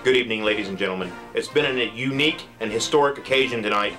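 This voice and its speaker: A man's voice: medium pitch, quick pace, sharp tone, soft background music, lightly acted, rough recording. A man playing a grandiose male president giving a televised address, in a solemn, sweeping speech-making manner.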